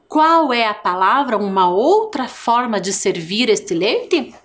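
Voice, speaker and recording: A woman with a Brazilian Portuguese accent teaches a televised primary school class. She dictates in a slow, drawn-out way, stretching each word syllable by syllable. Her pitch swings widely as she asks the children questions.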